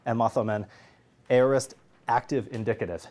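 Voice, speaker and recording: A man's voice: mid-range voice, steady tone, normal speed, a little mellow. A man teaching a Greek grammar class, drilling students and joking with them. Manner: drills students, jokes and laughs. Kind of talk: classroom lesson.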